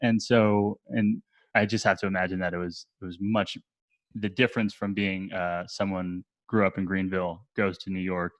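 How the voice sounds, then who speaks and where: A man's voice: sits low, little pitch movement, normal speed, dry recording, lo-fi sound. A man from New Jersey hosting a podcast interview, who thinks aloud and restarts a lot before he asks his questions. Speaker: podcast host. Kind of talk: casual interview conversation.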